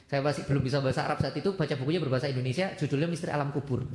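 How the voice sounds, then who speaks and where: A man with an East Javanese accent preaching and answering audience questions as a lively storyteller, acting out dialogue and slipping into Javanese. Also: a little high, racing, background noise. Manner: mixes Javanese into his talk. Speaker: Islamic preacher. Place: mosque hall. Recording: echoey mosque hall.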